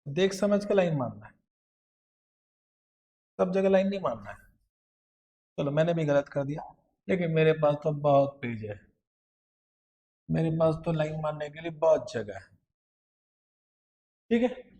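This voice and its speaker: A man's voice: on the high side, lively intonation, measured pace, pauses often, mellow. A man from India teaching an accounts lecture, coaxing students with constant questions and mixing terms into his talk. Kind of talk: classroom lecture.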